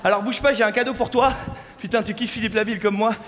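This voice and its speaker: A man's voice: high voice, fairly even intonation, fast talker, background noise. A young man doing a rowdy, crude stand-up comedy set and bantering with the crowd in a large hall. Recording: live hall reverb with faint crowd ambience.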